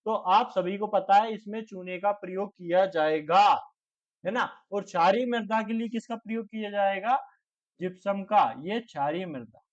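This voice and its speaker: A high-pitched man runs an online exam-prep class, repeating each question and answer for his students. He cuts in with teasing jokes and scolding asides. The audio sounds dull and slightly muffled. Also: moderate pace. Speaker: exam coaching teacher.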